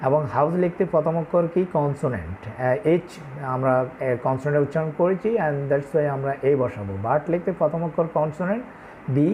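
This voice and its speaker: A man teaching an English grammar lesson to students, asking questions and answering them himself, reading English examples slowly. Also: fairly high pitch, darkish tone, slight background noise, rough recording. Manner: asks rhetorical questions then answers them, mixing in English phrases; slow, drawn-out reading of English example sentences.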